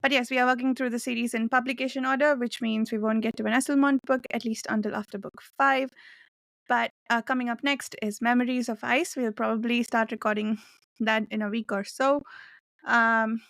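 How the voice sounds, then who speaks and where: A woman's voice: fairly high pitch, steady tone, brisk, vocal fry, fairly bright tone, no room sound. A woman hosting a casual book discussion podcast. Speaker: podcast host.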